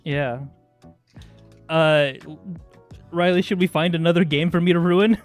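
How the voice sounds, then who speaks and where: A man with a notably high-pitched voice talks casually as a player in a tabletop game. Music plays faintly behind him. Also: fairly even intonation, a little slow.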